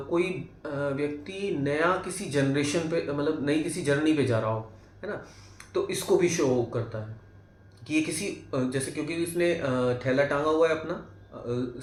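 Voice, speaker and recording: Man, Hindi accent, tarot teacher, slightly high voice, roomy echo. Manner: explanatory, many tag questions and fillers. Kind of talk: explaining cards one by one. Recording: echoey room.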